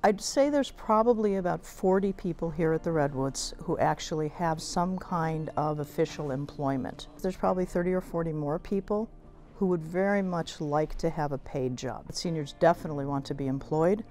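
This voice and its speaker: A woman running a senior community, speaking briskly and upbeat in an interview. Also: sits low, dark tone.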